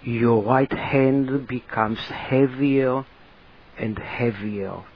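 A man guides a relaxation exercise at a very slow, deliberate pace. His voice is husky and sits at a medium pitch. He speaks in short, spaced-out instructions, and the recording sounds slightly muffled and lo-fi. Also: slight background noise.

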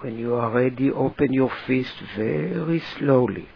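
Guiding a relaxation exercise, a man speaks at a very slow, deliberate pace in a husky, medium-pitched voice. His instructions come short and widely spaced, and the recording has a slightly muffled, lo-fi quality.

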